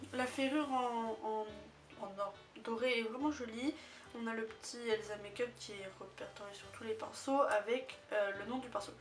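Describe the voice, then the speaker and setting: Chatty woman reviewing, distant mic. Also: a little high. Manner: chatty, hesitant, many filler pauses. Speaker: beauty vlogger. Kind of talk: casual product review. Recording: distant mic with music behind.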